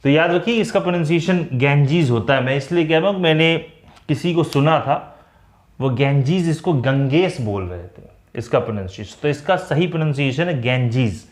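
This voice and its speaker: A man with a Hindi accent teaching English grammar in a classroom-style lecture, mixing Hindi and English and slowing down to spell out the English example phrases. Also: fairly high pitch, expressive. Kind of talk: classroom lecture for exam students. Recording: echoey room.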